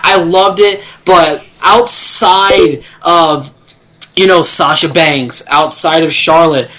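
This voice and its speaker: A man's voice: sits high, a bit bright, poor audio. A man co-hosting a casual sports talk review, rambling with lots of filler phrases. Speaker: co-host.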